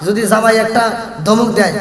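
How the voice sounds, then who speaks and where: A man with a Bangladeshi Bengali accent giving a fiery Islamic sermon, chanting, singing and shouting his lines. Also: high-pitched, fairly even intonation, fairly quick. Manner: chanting, melodic and shouted preaching. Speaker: Islamic preacher. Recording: echoey hall sound from far off.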